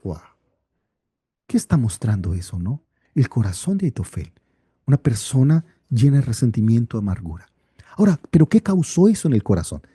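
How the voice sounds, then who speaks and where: A man teaching a Bible study class, reading passages aloud and pausing often for rhetorical questions and drawn-out exclamations. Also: mid-range voice, very animated, mellow, breathy edge, no echo, clean studio sound.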